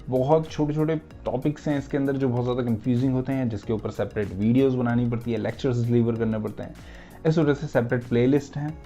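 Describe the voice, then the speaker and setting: A man's voice: mid-range voice, dark tone, lo-fi sound. A male teacher gives an explanatory English grammar lecture in Hindi mixed with English, and often checks in with "right?".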